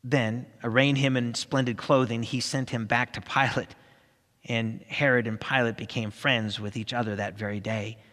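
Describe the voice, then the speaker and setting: A man reading scripture aloud in a steady, earnest way, with small slips. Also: medium pitch, normal speed. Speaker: scripture reader. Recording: long hall reverb.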